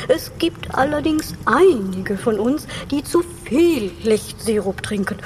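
A woman's voice: a little high, darkish tone, a little hiss or hum. A woman voicing a stately, formal ice worm with pompous wording in a children's audio drama.

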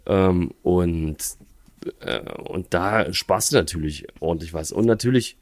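A low-voiced man who runs a tiling business chats on a podcast. He talks in a halting way and keeps restarting his sentences. The sound is dry and close. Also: dry recording. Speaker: guest, tiling business owner. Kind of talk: casual podcast chat.

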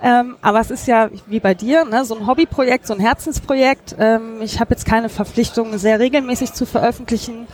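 A woman's voice: fairly high pitch, steady tone, a little fast, hardly any pauses, darkish tone, a little hiss or hum. Chatty German-speaking woman podcaster. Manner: many fillers, thinking aloud. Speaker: podcaster, guest. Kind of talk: casual conversational interview. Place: busy hacker congress hall.

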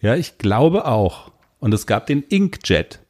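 A man's voice: mid-range voice, big pitch swings, takes it slowly, darkish tone. A man co-hosting a podcast, chatting casually and rambling through free associations. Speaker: podcast co-host. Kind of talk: casual chat.

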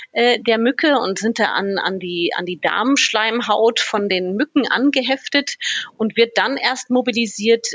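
Eine Frau, Umweltmedizinerin, die im Interview sachlich und mit vielen Füllwörtern medizinische Zusammenhänge erklärt. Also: female voice, mid-range voice, a bit bright, husky, no room sound. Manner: measured, explanatory, many filler sounds. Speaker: environmental physician. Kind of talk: explaining in an interview.

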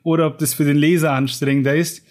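A man's voice: fairly high pitch, little pitch movement, fast talker, a little mellow. Enthusiastic male podcast co-host. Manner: enthusiastic, colloquial, with fillers. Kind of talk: casual podcast chat and book reading.

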